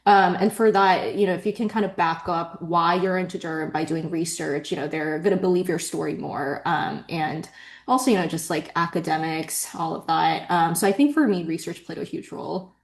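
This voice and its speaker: Woman, 20s, from Korea, panelist on a video call; low-ish, roomy sound, chatty. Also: normal speed, creaky. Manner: chatty, many likes and you knows. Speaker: panelist, new medical graduate. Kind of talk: casual panel talk.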